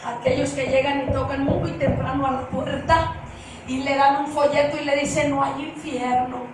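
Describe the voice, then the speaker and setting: A woman preacher giving an impassioned testimony sermon, pleading and shouting in emotional outbursts. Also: high voice, steady tone, moderate pace, background noise. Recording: echoey hall, voice from far off.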